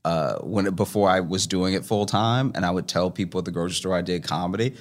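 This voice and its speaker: A man with a deep, heavy, sonorous radio voice, speaking reflectively as an interview guest in a measured, searching way with pauses. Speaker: guest, stand-up comedian.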